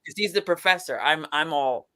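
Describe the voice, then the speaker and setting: A woman in a casual chat as a guest, telling a lab story with lively acted-out quotes and many restarts. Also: deep voice, a little fast.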